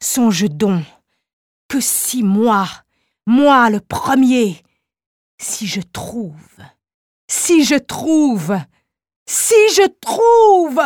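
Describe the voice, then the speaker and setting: A woman's voice: fairly high pitch, unhurried, a little mellow, no echo, studio quality, voice pushed up, close to an everyday voice. A woman voicing a feverish, obsessed male chemist who declaims with rising fervor in an audiobook reading. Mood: fervent.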